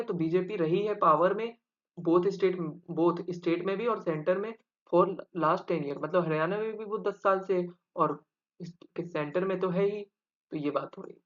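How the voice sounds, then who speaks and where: A man's voice: sits high, lo-fi sound. A man teaching an exam-prep English grammar lesson, explaining step by step and quizzing his viewers with rhetorical questions.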